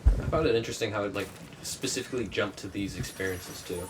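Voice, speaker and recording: A man's voice: fairly low pitch, fast talker, noisy background. A man asking curious, probing questions in a casual chat. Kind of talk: casual group chat about dreams.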